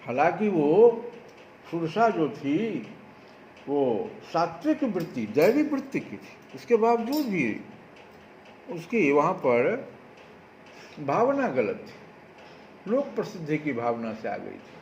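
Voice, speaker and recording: A man's voice: fairly high pitch, big pitch swings, slow, pauses often, darkish tone, roomy sound. A man giving a devotional discourse as a spiritual speaker, preaching with rhetorical questions. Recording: dull lo-fi recording with faint noise.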